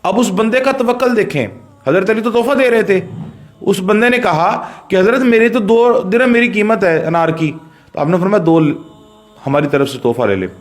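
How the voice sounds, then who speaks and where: A man with a Pakistani Urdu accent delivers a storytelling sermon in a fairly high voice. He speaks straight to his listeners, sinking into quiet murmurs and then lifting into raised, emphatic phrases. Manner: narrates a religious story, shifting between low murmurs and raised emphatic lines; addresses listeners directly. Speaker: pir preaching a religious sermon.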